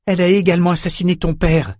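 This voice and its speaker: A man's voice: high voice, little pitch movement, brisk, darkish tone, no room sound, studio quality, voice pushed up, close to an everyday voice. A man voicing a young woman in an audiobook, urgent and imploring. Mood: pleading. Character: young woman pleading for calm. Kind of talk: audiobook character voice.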